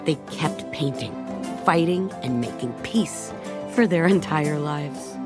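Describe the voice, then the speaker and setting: This middle-aged woman, an audiobook narrator with a low-pitched, animated voice, reads a children's story in a gentle, measured style and quiets down at tender moments. Background music accompanies her, recorded close-miked in a studio.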